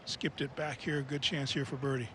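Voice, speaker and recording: A man's voice: mid-range voice, level tone, moderate pace, heavy background noise. A man giving live golf commentary in short, descriptive, conversational observations.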